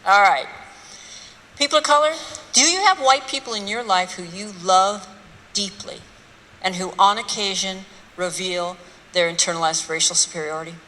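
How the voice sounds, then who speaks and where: In a lecture hall before a live crowd, a woman talks about race at a normal speed and a medium pitch. She comes across as bright and forceful, bluntly firing off rhetorical questions and sneering asides, while the recording echoes with long reverb and a faint hum of the room.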